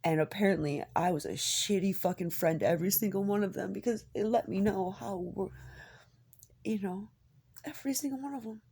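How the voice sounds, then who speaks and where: Woman, husky and breathy, dark soft tone, halting confessional rambling, casual and candid. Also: mid-range voice. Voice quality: husky, gravelly, often breaking into a whisper. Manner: halting, hesitant, candid, swearing. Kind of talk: rambling personal monologue, casual confessional talk.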